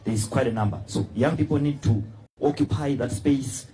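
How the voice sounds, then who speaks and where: A man speaks on a panel in an earnest, admonishing tone. His voice is mid-pitched and soft, with a mellow, dark color. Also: moderate pace, low-quality recording. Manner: earnest, admonishing, with occasional fillers. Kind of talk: panel discussion remarks.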